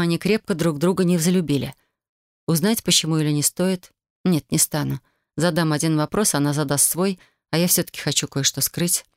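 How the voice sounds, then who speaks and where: A woman with a lowish voice narrating a first-person audiobook. She reads in a measured, even manner. The close studio recording is dry, with no room sound. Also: no echo.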